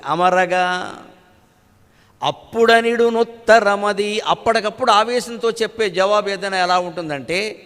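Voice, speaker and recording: Older guy preaching, high voice, chants verses slow then chats about them, big echoey hall. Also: a bit bright. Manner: chants Telugu verses slowly, then explains in conversational asides. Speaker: spiritual lecturer. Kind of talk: religious discourse with chanted verses. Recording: long hall reverb.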